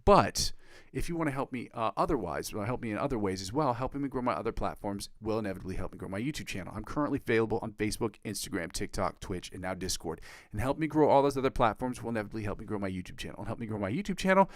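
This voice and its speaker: Studio-quality audio with no echo captures a congested man with lively intonation speaking rapid-fire. He's a guitar livestreamer chatting casually on stream, rambling and filler-heavy, with an upbeat pitch aimed at his viewers.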